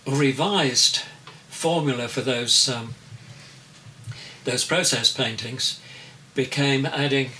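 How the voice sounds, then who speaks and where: An artist in his eighties answers interview questions reflectively, speaking slowly and deliberately, pausing often to search for the right words. His mid-range voice is bright, and he sits back from the mic, so it sounds distant with a faint hiss underneath.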